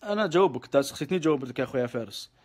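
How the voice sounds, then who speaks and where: Fast-talking Algerian man on a live stream. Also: medium pitch, lively intonation, darkish tone, breathy edge. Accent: Algerian Arabic. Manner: reads viewer questions and answers offhand, grows heated when venting; mixes French words into speech. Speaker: live stream host answering visa questions. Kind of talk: casual live Q&A.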